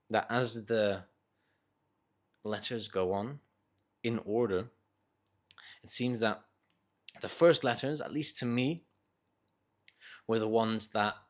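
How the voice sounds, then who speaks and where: Here a man's low, slightly bright voice carries a Northern English accent with a trace of Dutch. Reflecting on his reading in an unscripted solo vlog, he speaks casually and hesitantly, often correcting himself in small ways.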